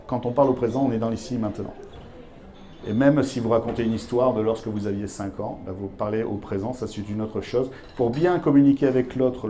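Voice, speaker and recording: A man's voice: mid-range voice, warm tone. A man giving a live masterclass to business leaders on a handheld microphone, emphatic and repetitive, speaking straight to his audience. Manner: emphatic teacher, repeats key words, addresses audience directly.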